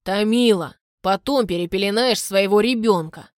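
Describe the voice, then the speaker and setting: A man's voice: high-pitched, unhurried, no echo. Woman narrator voicing a curt, impatient stranger in furs, cold and firm, dry sound. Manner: curt, commanding, louder than the narration.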